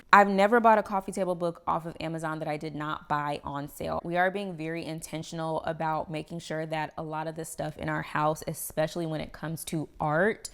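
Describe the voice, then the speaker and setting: A woman's voice: deep voice, vocal fry, clear, resonant tone. A young woman chatting casually about home products in her kitchen, a bit out of breath, with a chatty manner full of "girl" and "y'all". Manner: chatty, says "y'all" and "girl", laughs often. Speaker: home vlogger.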